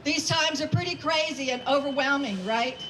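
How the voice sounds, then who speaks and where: High-pitched woman giving a rally speech. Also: moderate pace, a bit bright, slight background noise, poor audio. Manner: emphatic, rousing, quotes and repeats phrases for effect. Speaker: rally speaker and community organizer.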